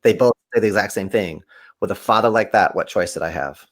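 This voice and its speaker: Speaking fairly quickly, a man who teaches kung fu tells animated stories as a guest on a podcast. He acts out the voices of people he quotes, swinging his pitch dramatically as the conversation unfolds.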